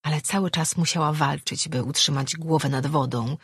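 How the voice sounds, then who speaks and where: A woman reading a story aloud in a steady, measured narration. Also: sits low, breathy edge, no room sound, studio quality. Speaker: audiobook narrator. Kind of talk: scripted narration.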